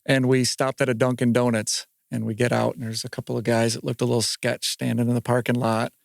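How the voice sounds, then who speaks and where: Gravelly-voiced man telling race stories. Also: mid-range voice, a little fast, dry recording, clean studio sound. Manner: animated anecdote-telling with quoted voices. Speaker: podcast guest, marathon runner. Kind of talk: casual storytelling chat.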